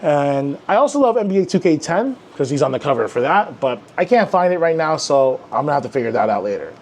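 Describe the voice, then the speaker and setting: A man's voice: fairly high pitch, big pitch swings, quick pace, slight background noise. Chatty young man touring his desk. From Filipino heritage. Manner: chatty, rambling, with many fillers. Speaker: comic channel host. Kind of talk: casual desk tour vlog.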